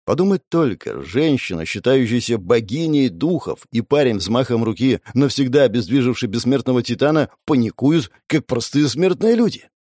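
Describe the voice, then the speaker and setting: Animated male audiobook narrator. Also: mid-range voice, dry recording, clean studio sound. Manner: animated, voices the characters' shouts. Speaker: audiobook reader. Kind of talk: first-person fantasy audiobook narration.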